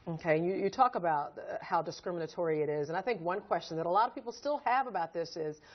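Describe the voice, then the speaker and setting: A woman's voice: lowish voice, fast, lo-fi sound. A woman hosting a TV political show, asking direct, probing questions in a news studio. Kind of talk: TV studio interview.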